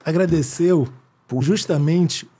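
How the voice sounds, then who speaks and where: A man's voice: a little high, takes it slowly, crowd noise. A man, a staff member eagerly telling a backstage anecdote. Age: 30s.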